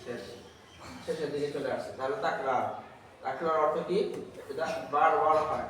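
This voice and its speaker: A woman teaching a Quran recitation class, asking questions over and over and pushing the pupils to answer louder. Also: sits low, moderate pace. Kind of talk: call-and-response class drilling. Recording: echoey hall recorded from far off, noisy.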